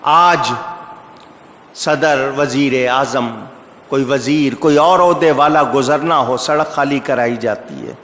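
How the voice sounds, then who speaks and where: A man's voice: mid-range voice, fairly bright tone. Preaching man in an echoey hall. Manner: storytelling with rising emphatic outbursts; asks the audience rhetorical questions. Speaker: Islamic scholar preacher. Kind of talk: sermon.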